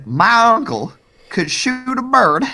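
A bragging old-time Texan man, drawl laid on thick, as a man puts it on. The voice leaps well above the speaker's usual register and comes out loud and bright. It is a playful podcast impression. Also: extremely high pitch, big pitch swings, slow pace, voice pushed up, exaggerated voice. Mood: boastful.

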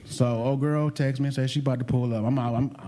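A man co-hosting a casual talk show, telling a story in an animated, profane way. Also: medium pitch, fast, background noise. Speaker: podcast co-host telling a vacation story. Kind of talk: casual chat.

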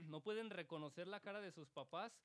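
A man's voice: high voice, a little fast, a bit bright. A man with a Mexican Spanish accent co-hosting a casual comedy podcast, joking in slang and acting out voices. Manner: joking, slangy, acts out voices while laughing. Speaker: podcast co-host.

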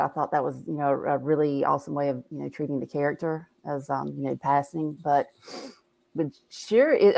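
Co-host: woman, low and gravelly, loose rambling delivery. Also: a little mellow. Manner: rambling, many fillers like "you know" and "um". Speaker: podcast co-host. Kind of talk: casual podcast chat.

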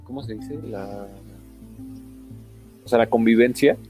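A man's voice: mid-range voice, unhurried, a little mellow, soft background music. A young man with a Mexican accent reminiscing casually with a friend, hesitant and often searching for his words.

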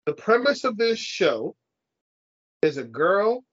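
A California man co-hosts a podcast in a high, very animated voice, speaking slowly with a fairly bright tone. He sounds congested, rambles, swears casually and laughs often as he chats. The recording is dry and lo-fi.

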